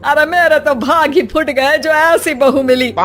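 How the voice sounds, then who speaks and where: A woman's voice: high voice, fairly even intonation, a little slow, a bit bright, soft background music. A woman voicing a quarrelsome middle-aged mother-in-law in a cartoon, scolding and taunting. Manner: scolding, taunting, self-pitying. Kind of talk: cartoon voice acting.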